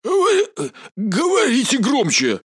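A man voicing a pompous, hoarse army general on live TV who is losing his composure. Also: very high voice, huge pitch swings, slow, no echo, clean studio sound, voice pushed up, exaggerated voice. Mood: flustered. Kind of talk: audiobook character voice.

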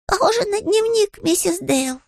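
Paddington, a squeaky little bear. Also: male voice, animated, normal speed, creaky, no room sound, clean studio sound, exaggerated voice. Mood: earnest. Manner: squeaky, innocent, earnest. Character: small polite young male bear, earnest and naive.

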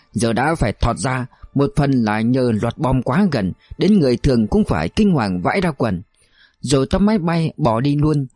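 A man reading a novel aloud in steady first-person narration. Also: medium pitch, no room sound. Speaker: audiobook narrator.

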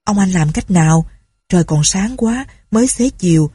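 A woman's voice: mid-range voice, lively intonation, normal speed, warm tone, slightly rough, no echo, clean studio sound. A woman voicing a sly male accomplice who speaks curtly and conspiratorially. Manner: curt, conspiratorial.

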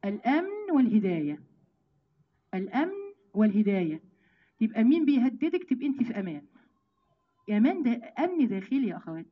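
A Quran teacher with an Egyptian Arabic accent and a slightly high voice gives a lively, emphatic religious lesson to women, whom she calls sisters. She slows down to recite verses, and the audio is a bit dull.

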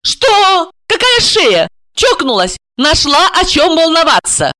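A reader doing a brisk, bossy, cold-blooded young woman. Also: medium pitch, sing-song, bright, forceful tone, dry recording, clean studio sound, pitched above the performer's own voice. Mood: commanding. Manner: brisk, commanding, sardonic. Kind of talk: audiobook character voicing.

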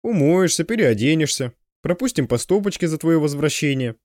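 A man voicing an older, fussy, hard-drinking male guide who talks in an excitable, insistent way. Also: on the high side, fairly quick, dry recording, studio quality, pitched above the performer's own voice, natural voice.

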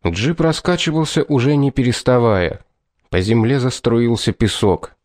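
A man with a mid-range voice narrates an audiobook from a script, telling the story at a normal, steady, even pace. The recording is dry and studio quality.

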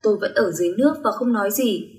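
A woman's voice: medium pitch, racing. Woman reading a story in a roomy space. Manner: gentle, wistful storytelling, voicing every character herself. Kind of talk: first-person romance story reading. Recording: roomy echo.

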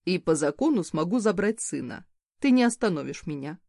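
A woman's voice: fairly low pitch, big pitch swings, a little fast, gravelly, darkish tone, no echo, clean studio sound, full character voice. A woman reading an audiobook, voicing a smug, mocking nobleman. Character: smug nobleman Bastian, young man's father.

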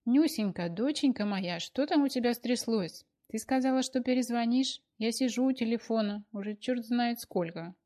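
A woman's voice: a little high, normal speed, few pauses, dark tone, voice pushed up, lightly acted. A woman voicing a fussy, talkative older mother who pours out anxious questions, in an audiobook. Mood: fretful. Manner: breathless stream of anxious questions. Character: fussy chattering older mother, clucking and doting. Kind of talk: audiobook character voice.

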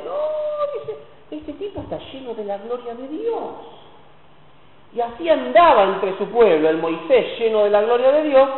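Animated Rioplatense pastor in an echoey hall. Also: male voice, high-pitched, a little hiss or hum. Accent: Rioplatense Spanish. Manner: colloquial, repeats words for emphasis, asks the congregation questions. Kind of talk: evening church sermon. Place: church hall. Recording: echoey hall over a tinny phone-like line.

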